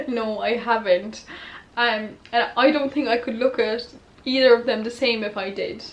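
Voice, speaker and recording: A woman's voice: fairly high pitch, measured pace. A young woman answering follower questions in a casual, candid, giggly and tipsy chat. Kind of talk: casual chatty Q&A to camera.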